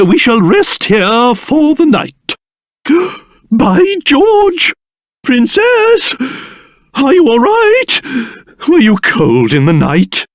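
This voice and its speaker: An actor with a British accent playing a pompous, excitable old king in a video game, theatrical and blustering, with old-fashioned posh phrasing. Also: sits high, no echo, clean studio sound, exaggerated voice. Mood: genial, regal, then startled, flustered. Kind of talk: video game character voice acting.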